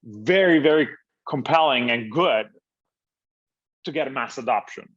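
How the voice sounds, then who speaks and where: A man from Italy, founder and interview guest, answers in a halting way, full of fillers and repeated words. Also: mid-range voice, expressive, fairly bright tone. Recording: slightly dull, lo-fi audio.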